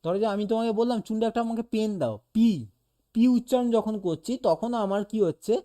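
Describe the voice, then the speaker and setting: Speaking quickly in a mellow, mid-range voice, this animation teacher runs a casual private lesson. Patient explanations are punctuated by sounds said aloud for demonstration and frequent "okay?" check-ins.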